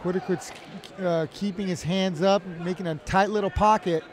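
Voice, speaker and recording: High-pitched male fight analyst. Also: fairly even intonation, moderate pace, background noise. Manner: emphatic, repeats himself. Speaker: fight analyst, color commentator. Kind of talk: live MMA analysis, conversational. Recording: crowd and music behind.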